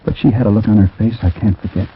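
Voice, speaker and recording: Here a man with a slightly rough, lowish voice talks fast while acting as a troubled narrator of an eerie 1940s-style radio drama. He sounds haunted and subdued, reflective and conversational, with hesitant asides, and the recording is tinny and muffled like 1940s radio.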